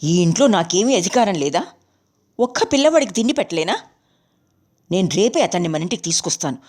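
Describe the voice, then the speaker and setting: A woman's voice: on the low side, very animated, a little fast, darkish tone. A woman voicing a distraught young wife who pleads tearfully and then turns defiant, in a storybook reading.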